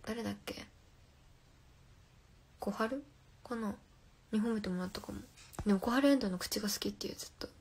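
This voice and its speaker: A woman's voice: medium pitch, normal speed, pauses often, darkish tone, a little hiss or hum. A young woman hosting a casual phone livestream, reading viewer comments aloud and answering playfully, often dropping to a whisper. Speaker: livestream host.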